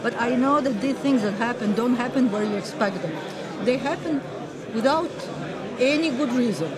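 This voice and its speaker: A woman's voice: fairly high pitch, moderate pace. A woman in her sixties from Serbia, talking animatedly as an interview guest at a table mic, with many restarts. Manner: animated, gestures while talking, frequent restarts. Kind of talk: casual interview conversation. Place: large indoor public hall. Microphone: table microphone. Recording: busy hall with loud crowd. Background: loud crowd chatter.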